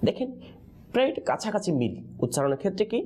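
A man leads a Quran pronunciation class, his pitch lively and swinging high and low as he drills letter sounds. His tone is mellow and soft. He calls out a question and waits for the students to finish it. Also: fast. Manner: call-and-response teaching, prompting answers with questions. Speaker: Quran recitation teacher.

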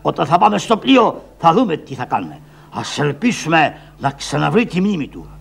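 A man's voice: fairly high pitch, very animated, gravelly, a bit bright, slightly rough, heavily acted. A man voicing Odysseus, a commanding heroic captain in a shadow-puppet play, declaiming orders solemnly. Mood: commanding, worried. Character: Odysseus, grown male hero and commanding captain. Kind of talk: traditional shadow-puppet theatre voice.

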